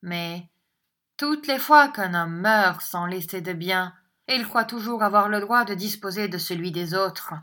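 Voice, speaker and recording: A woman's voice: medium pitch, a little slow, pushed and bright. A woman voicing a stern, scornful old miser uncle who talks in a curt, impatient way, in an audiobook reading.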